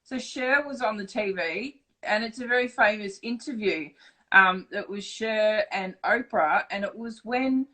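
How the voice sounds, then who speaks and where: A middle-aged Australian woman talking openly in a relaxed interview. She is blunt and swears freely, and her delivery turns animated when she re-enacts conversations. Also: mid-range voice, rough recording. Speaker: interview guest. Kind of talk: casual storytelling interview.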